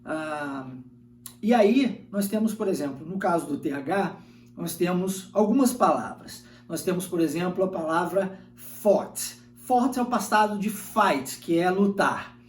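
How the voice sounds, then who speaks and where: Brazilian man teaching English, high voice. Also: expressive, unhurried, echoey room, recorded from a distance, a little hiss or hum. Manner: explanatory, addresses viewer with tag questions. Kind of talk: video lesson.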